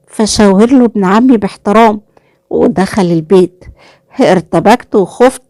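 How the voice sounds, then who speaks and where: An Egyptian woman narrates a romantic tale in the first person, with a voice of middling pitch. She tells it expressively, as if living it, and her voice sounds close and dry, with no room around it. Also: mellow, no room sound. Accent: Egyptian Arabic. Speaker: storyteller.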